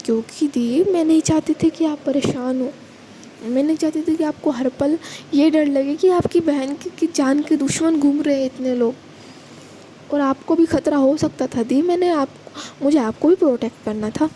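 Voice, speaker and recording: A woman's voice: high-pitched, moderate pace, mellow, slight background noise, lightly acted. A woman voicing a fierce but tender younger sister who speaks earnestly and protectively in a storybook reading.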